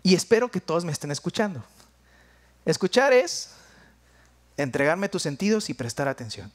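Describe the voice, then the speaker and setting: A young Mexican man with a Jalisco accent, preaching a sermon in a conversational, playful way, dropping to quiet asides. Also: a little high, sing-song, moderate pace.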